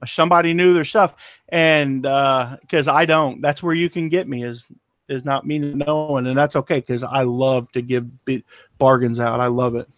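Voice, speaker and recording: A man's voice: mid-range voice, steady tone, normal speed, a bit bright, no room sound, clean studio sound. A man selling antiques, chatting casually in a rambling, folksy, self-deprecating way. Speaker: antiques seller. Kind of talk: casual chat.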